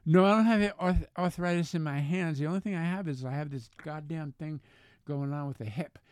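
Blunt old sailor, clear higher-pitched man's voice. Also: brisk, dry recording. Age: 70s. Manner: blunt, plain-spoken old sailor with salty folksy talk. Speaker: veteran solo sailor, interview guest. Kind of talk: casual chat, storytelling.

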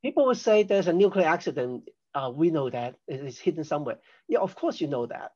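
A man's voice: fairly high pitch, lively intonation, fairly quick, a little mellow, muffled recording. An older man from Hong Kong, a podcast guest, explaining risk assessment in a chatty, self-deprecating way. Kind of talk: conversational interview.

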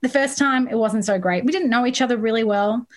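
A woman in her thirties, a songwriter being interviewed, talking in a chatty, animated way with frequent laughs. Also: fairly high pitch, brisk. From Australia. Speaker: songwriter guest. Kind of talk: casual interview chat.

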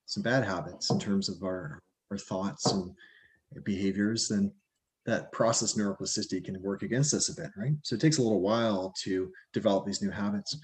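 A man on a podcast panel explaining casually, softening points with tag questions. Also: on the low side, rough recording.

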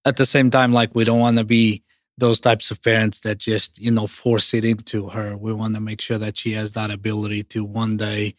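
A man speaking in an earnest, measured, reflective way, as a parent giving a testimonial. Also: on the low side, completely flat delivery, dry recording, clean studio sound. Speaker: parent interviewee.

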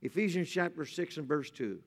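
A man preaching a sermon at a pulpit microphone in a church, moving from joking to a softer, reflective tone. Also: on the high side, animated, moderate pace. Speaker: pastor. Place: church sanctuary. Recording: reverberant church hall.

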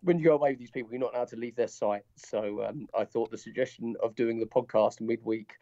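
A man's voice: medium pitch, quick pace, warm tone, dry recording. A man with a cold, his voice muffled as if heard through a wall, chatting as a podcast co-host over a call. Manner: rambling, self-correcting. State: head cold, stuffy muffled voice. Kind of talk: casual chat. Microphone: Skype call. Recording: dull, muffled lo-fi call audio.

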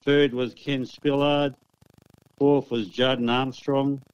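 A man's voice: mid-range voice, flat delivery, takes it slowly, clean tone, dry recording, lo-fi sound. An Australian man giving results as a guest club official, easygoing and chatty. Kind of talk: casual report.

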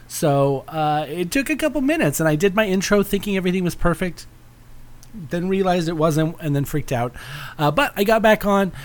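A man hosting a podcast in a casual, rambling, affectionate and campy way. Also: a little high. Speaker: podcast host.

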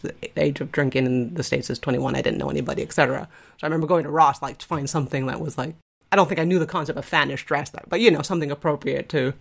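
A woman's voice: low voice, vocal fry. A woman in her forties, from Spain, chatting casually on a podcast in a rambling, self-interrupting way. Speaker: podcast co-host. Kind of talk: casual conversational chat.

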